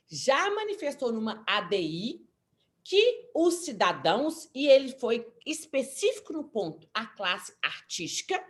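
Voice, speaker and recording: A woman lawyer with a Brazilian accent, speaking as a guest on a panel and explaining with animated, acted-out examples. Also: on the high side. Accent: Brazilian Portuguese. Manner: animated, explanatory, acts out quotes. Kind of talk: panel discussion.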